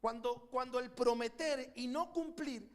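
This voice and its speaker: A man's voice: very high-pitched, unhurried. A middle-aged man with a Chilean accent, preaching a sermon with passion and calling his congregation to repeat after him. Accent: Chilean Spanish. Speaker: pastor. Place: church sanctuary.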